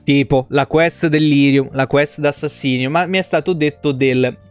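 Soft music accompanies a young Italian man whose voice is slightly high, smooth, and steady in tone at a normal speed. He's a game streamer in a home room, close to his desk mic, rambling through casual chat, swearing and repeating words for emphasis.

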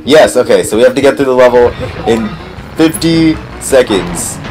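A man hosting a let's play who rambles casually, gets excitable and swears when things go wrong, and whose voice is strained from recently losing it. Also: mid-range voice, normal speed, music in the background. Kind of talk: casual gameplay commentary.

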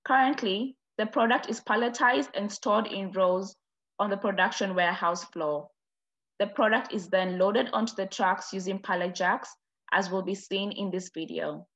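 Woman, student presenter, formal read-through of a project overview, mid-pitched and even. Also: normal speed.

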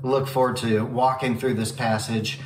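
A man's voice: medium pitch, flat delivery, normal speed, background noise. A young man, a pastor, giving an earnest sermon preview to camera from a home dining room, gesturing as he talks with frequent fillers. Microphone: camera at a distance. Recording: roomy echo, slightly distant mic.

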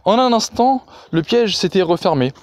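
A man's voice: high-pitched, lively intonation, normal speed, no echo. A man reading novel excerpts aloud, dramatic, with occasional hesitations and restarts. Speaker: reader.

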